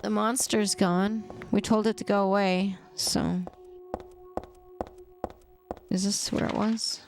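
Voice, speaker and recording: Young adult woman, game streamer, casual gameplay commentary, wry rambling asides, gravelly fry. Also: mid-range voice, level tone, takes it slowly, noisy background.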